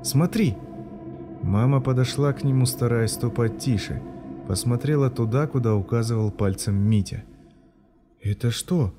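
A man reading a story aloud in a measured, even storytelling manner. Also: medium pitch, over music. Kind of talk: audiobook narration.

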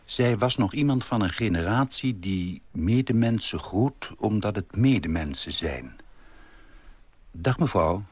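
A man reading a short story aloud in a calm, measured, wry way. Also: on the low side, husky, no echo.

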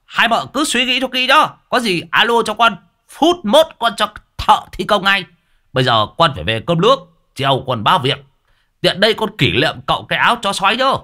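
A man's voice: high voice, big pitch swings, fairly quick, pushed and bright, pitched above the performer's own voice, full character voice. A man voicing a scheming, boastful old man who sweet-talks and brags. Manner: sly, wheedling, bragging.

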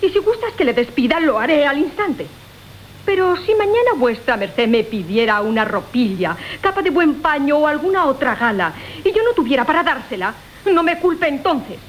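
A woman with a very high-pitched Castilian Spanish voice plays a sly, coquettish mother conning several lovers out of their money in classic Spanish comic radio theatre. Her pitch swings widely at a normal speed, and she schemes in a wheedling, theatrical manner. The low-quality audio comes from a hissy 1980 radio drama recording.

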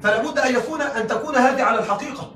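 A man's voice: very high voice, racing, a bit bright. A male teacher giving a classroom lecture, often checking that the class follows and laughing lightly as he explains. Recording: echoey room, mic at a distance.

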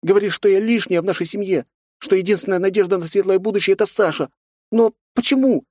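A man voicing a hurt teenage girl who pleads with her father in a high, tearful voice. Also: fast talker, darkish tone, no echo, studio quality. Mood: upset.

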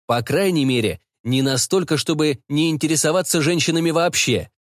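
A man's voice: fairly high pitch, a little fast, dry recording, clean studio sound, voice pushed up, natural voice. A man playing a flustered young detective who evasively defends himself to his mother. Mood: defensive. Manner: defensive, mumbling.

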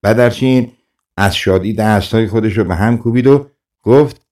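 Man, low voice, audiobook narrator, calm friendly storytelling.

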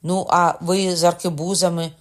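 A man reading an audiobook, voicing a hot-blooded young nobleman who shouts, raised in pitch. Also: moderate pace, natural voice. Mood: fierce, shouting. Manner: loud, shouting, fired up.

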